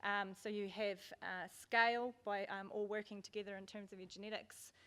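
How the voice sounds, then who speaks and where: A woman's voice: mid-range voice, little pitch movement, moderate pace, pushed and bright, clean tone. A woman giving an informal business presentation at a conference, speaking in a hesitant, loosely phrased way. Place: indoor conference venue.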